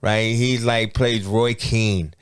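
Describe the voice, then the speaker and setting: A man co-hosting a casual movie review chat, animated and jokey, often slipping into mock voices. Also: lowish voice, slow pace, clean tone. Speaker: podcast co-host.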